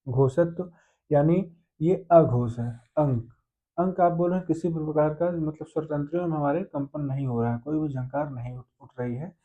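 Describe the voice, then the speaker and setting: Male teacher, patient step-by-step explainer, raised pitch, muffled lo-fi recording. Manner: explains step by step, asks and answers own questions. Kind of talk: grammar lesson. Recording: dull lo-fi sound.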